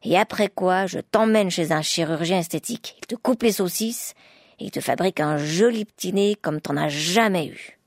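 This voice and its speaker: A woman's voice: on the low side, moderate pace, no echo, studio quality. A woman voicing a hot-tempered poor male woodcutter who blusters in an exasperated way. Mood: blustering.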